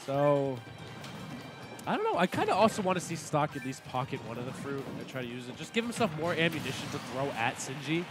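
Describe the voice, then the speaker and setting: A man with a slightly high voice calls a video game match live, mixing quick tactical breakdowns with joking asides. Clear background music plays behind him throughout. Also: big pitch swings. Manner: chatty analytical play-by-play with jokey asides. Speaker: esports commentator. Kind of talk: live esports commentary.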